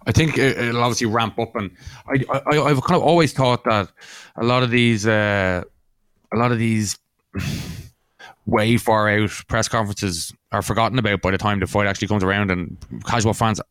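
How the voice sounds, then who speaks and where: A man's voice: fairly low pitch, fairly even intonation, normal speed, a bit bright, smooth, no echo. A man co-hosting a podcast in casual chat, hesitant and understated, often restarting his phrases. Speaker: podcast co-host and MMA analyst.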